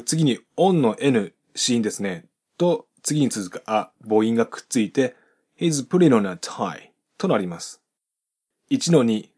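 A man with a husky, slightly breathy voice walks through pronunciation drills in a methodical way. He breaks each phrase down into its sounds and repeats the example sentences slowly. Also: mid-range voice, darkish tone. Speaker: English pronunciation teacher. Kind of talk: instructional explanation with example sentences.

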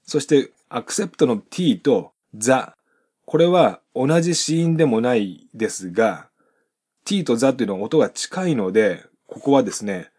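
A man with a husky, slightly breathy voice walks through pronunciation drills in a methodical way. He breaks each phrase down into its sounds and repeats the example sentences slowly. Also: mid-range voice, a little mellow. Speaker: English pronunciation teacher. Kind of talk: instructional explanation with example sentences.

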